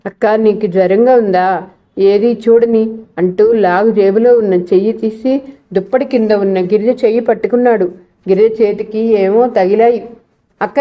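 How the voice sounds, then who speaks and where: Woman narrator, novel reading, mid pitch, muffled sound.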